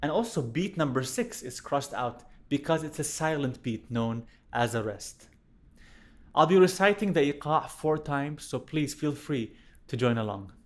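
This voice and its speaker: A young man born in Iraq, a violinist teaching a music lesson to camera in a clear, explanatory way, recorded on a studio microphone indoors. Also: a little high, expressive, unhurried. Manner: clear, explanatory, chants rhythm syllables in time. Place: indoor studio room with plant. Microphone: studio condenser mic on stand.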